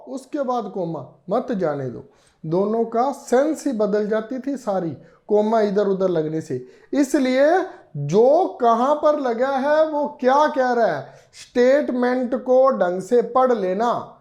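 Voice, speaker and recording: Emphatic male teacher, slow lively delivery. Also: extremely high pitch. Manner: emphatic, repeats key words for students. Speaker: reasoning teacher. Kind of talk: classroom lecture.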